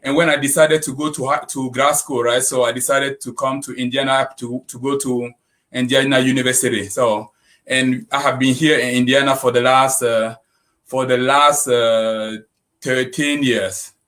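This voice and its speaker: A man from Cameroon, a guest in a casual interview, talking in a relaxed way with frequent tag questions. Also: medium pitch, normal speed. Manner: relaxed, frequent "you know", "right".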